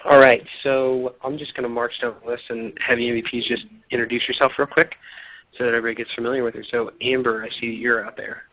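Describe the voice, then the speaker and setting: A man's voice: mid-range voice, little pitch movement, quick pace. A man hosting a community conference call, talking loosely and upbeat with many fillers and restarts. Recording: slightly dull line with faint noise.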